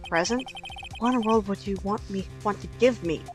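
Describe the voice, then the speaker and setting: A woman's voice: medium pitch, brisk, music in the background, natural voice. A woman voicing an earnest, anxious and hesitant male defense attorney in a video game. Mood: flustered. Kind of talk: amateur video game voice-over.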